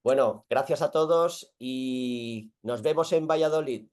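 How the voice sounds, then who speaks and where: A man with an accent from Spain hosting an online group call, chatting informally in a halting, self-correcting way. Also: medium pitch, a little mellow. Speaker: host of an online group meeting. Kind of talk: casual chat.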